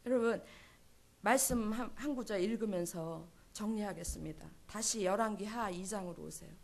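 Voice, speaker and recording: A woman's voice: mid-range voice, normal speed, gravelly. A woman preaching a sermon at a church service, emphatic and full of rhetorical questions. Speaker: pastor's wife preaching.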